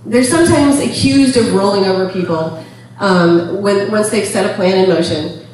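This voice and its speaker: A middle-aged woman giving a chatty talk to an audience, laughing often and filling pauses with ums. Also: medium pitch, a little mellow, slight background noise. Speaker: speaker on temperament. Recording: echoey room from far off.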